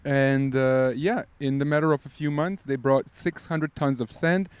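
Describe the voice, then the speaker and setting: Smooth-voiced man explaining at length. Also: medium pitch, steady tone, measured pace. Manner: explains at length with many fillers. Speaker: podcast guest. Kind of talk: casual podcast chat. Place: outdoors by beach volleyball courts.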